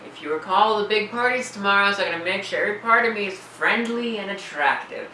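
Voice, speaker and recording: A man's voice: high voice, fast, bright, forceful tone, far from the mic, a little hiss or hum. An actor playing a sarcastic young man who teases with dry, mocking wit. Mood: teasing. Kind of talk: comedy web series acting. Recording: roomy echo, heard from off the mic.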